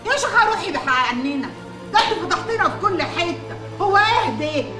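A woman's voice: very high-pitched, animated, fast, loud music behind the voice. An actress playing a fierce Upper Egyptian matriarch who scolds and screams at her family, in an Upper Egyptian accent. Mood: scolding. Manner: scolding, then screaming in grief. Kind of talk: TV drama acting. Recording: echoey set with drama score and crowd.

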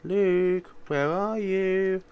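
Man putting on a chirpy little girl, pitched up. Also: very slow, a little mellow, clear, resonant tone, dry recording, heavily acted. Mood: chirpy, calling. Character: little girl, bright and loud, video game niece.

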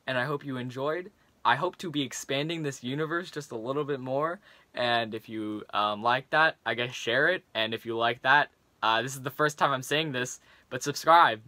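Bright-voiced young man introducing his performance. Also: mid-range voice, moderate pace, no room sound. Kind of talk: spoken introduction and sign-off to a performance. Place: small bedroom, indoors.

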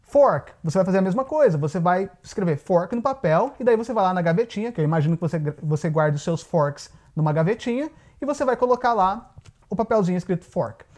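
A man's voice: sits high, animated, fast, a little mellow. A man, a native Portuguese speaker, teaches English vowel rules in a casual video lesson, explaining step by step and answering his own questions.

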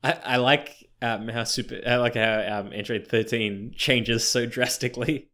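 A man's voice: medium pitch, steady tone, a little slow, bright, forceful tone. A man co-hosting a podcast in laid-back, jokey casual chat. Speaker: podcast co-host.

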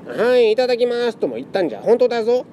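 A man voicing a boastful old male fortune-teller cat with gruff, old-fashioned grandpa speech. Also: extremely high pitch, very animated, racing, warm tone, slight background noise, pitched above the performer's own voice.

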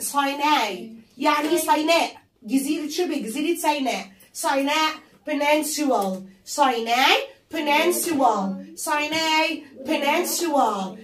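Egyptian Arabic-accented woman, children's English teacher, high voice, repetitive drilling, echoey room at some distance. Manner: drills vocabulary, repeating each word many times; switches between English words and Arabic explanations.

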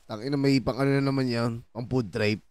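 A man's voice: medium pitch, fairly even intonation, a little fast, darkish tone, smooth, no room sound. A man streaming a role-play game, chatting in character, joking and swearing freely. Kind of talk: casual in-character game chat.

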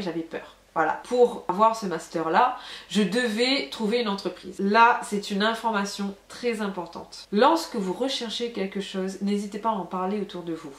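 A young woman from France chats straight to her viewers, frank and loose, with many filler sounds. Her voice sits at an ordinary middle pitch. The room around her rings with noticeable echo. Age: young adult. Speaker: vlogger. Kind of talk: casual storytelling to camera. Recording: echoey room.

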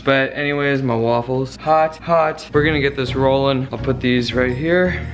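A man in his twenties chatting casually and excitably to the camera in slangy vlog style. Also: medium pitch, normal speed. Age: 20s. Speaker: food challenge vlogger. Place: home kitchen and dining room, indoors. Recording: music behind the voice.

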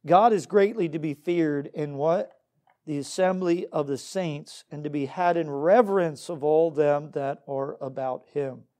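A Baptist pastor preaches an earnest, exhorting sermon, reading from scripture and posing questions to his congregation. His voice sits fairly high, with a dark tone and a slightly slow delivery.

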